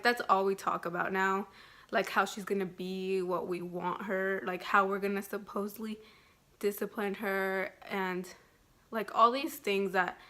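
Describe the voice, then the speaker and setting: A woman's voice: mid-range voice, pushed and bright. Woman vlogging, just chatting and rambling, says like every other word, normal mid voice. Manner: rambling, fills speech with "like". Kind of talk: casual pregnancy update vlog.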